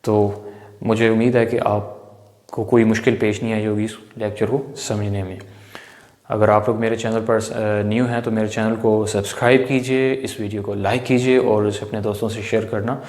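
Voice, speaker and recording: A man's voice: on the low side, level tone, normal speed, darkish tone. A man teaching English grammar in a patient, repetitive lecture, often putting questions to his viewers and answering them himself. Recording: echoey room with long reverb.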